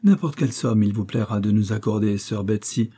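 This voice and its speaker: A man's voice: on the low side, brisk, mellow, slightly rough. A man reading aloud, voicing a wheedling, insistent middle-aged matron who begs for money. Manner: pleading, insistent, dramatic.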